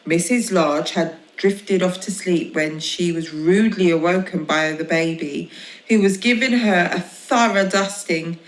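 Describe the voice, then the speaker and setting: A woman reading a children's story aloud in a gentle, expressive way. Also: on the low side, unhurried. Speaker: storybook reader. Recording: echoey room.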